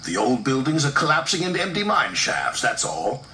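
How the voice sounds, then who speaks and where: A man voicing a stern railway boss in a storybook reading, brisk and dismissive. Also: medium pitch, wildly swooping pitch, sharp tone. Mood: firm. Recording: roomy echo with music behind.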